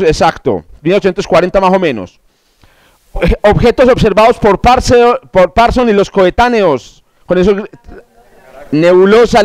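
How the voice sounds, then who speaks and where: High-voiced man quizzing a class. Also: a little mellow, dry recording. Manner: joking, digressive, with stammered restarts. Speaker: astronomy course instructor. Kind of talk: classroom quiz review.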